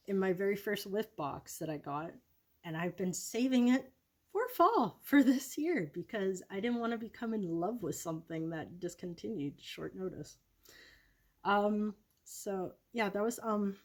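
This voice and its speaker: A woman's voice: medium pitch, darkish tone, husky. A woman vlogging casually about her product predictions, rambling and correcting herself with many ums.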